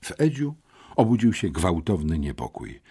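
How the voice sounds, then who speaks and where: A man reading a children's book aloud in first person, expressive and wry. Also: low voice, moderate pace, breathy edge. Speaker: audiobook narrator.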